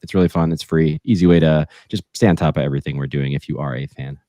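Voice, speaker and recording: A man's voice: very deep voice, fast talker, warm tone, no echo, clean studio sound. A man co-hosting a fan podcast in casual chat, upbeat and chatty. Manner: upbeat and chatty, laughing often. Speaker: podcast co-host.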